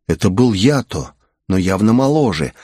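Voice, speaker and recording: A man's voice: fairly low pitch, very animated, normal speed, mellow, breathy edge, no room sound, clean studio sound. A man narrating a first-person novel in a wry, musing manner. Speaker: audiobook narrator.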